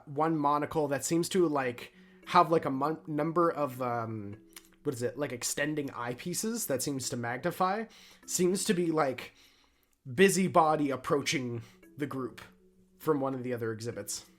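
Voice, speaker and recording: Casual dungeon master narrating. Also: male voice, a little high, moderate pace, a bit bright, faint music behind. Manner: casual, many fillers and "like". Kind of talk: narrating a tabletop game.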